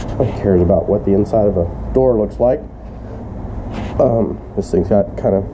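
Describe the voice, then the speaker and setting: A man's voice: fairly low pitch, mellow. A man with a stuffy, congested voice, rambling with lots of fillers as he narrates a car repair. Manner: rambling, filler-heavy, mildly profane. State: congested from a cold, stuffy nasal voice. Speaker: car hobbyist doing repairs. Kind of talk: casual DIY narration while working. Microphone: action camera on the job. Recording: dull lo-fi camera audio with noise.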